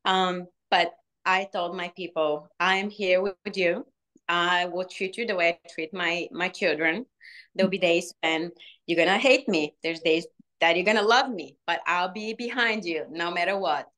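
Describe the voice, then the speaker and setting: A woman in her forties from Bulgaria with a Bulgarian accent, answering interview questions earnestly with frequent "um" pauses. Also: on the low side, fairly bright tone. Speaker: alumna guest, restaurant manager.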